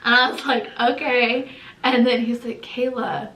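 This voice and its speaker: A young woman co-hosting a channel, telling a story in a casual, animated way, acting out quotes and laughing often. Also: a little high, measured pace. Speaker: channel co-host. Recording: echoey room.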